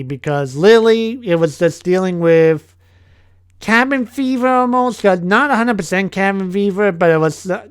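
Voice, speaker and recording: A young man telling a casual vlog story about his year, halting often and restarting his sentences. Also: high voice, clean tone, dry recording, studio quality. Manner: halting, with many restarts and fillers. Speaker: vlogger, English teacher.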